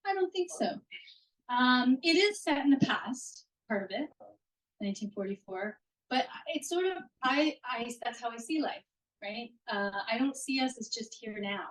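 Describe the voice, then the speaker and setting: A woman author answers questions during a casual live Q&A at a bookstore reading, speaking warmly but rambling with restarts and fillers into a handheld microphone in the event room. Her voice is fairly high, animated, and moderately paced, and the audio is poor.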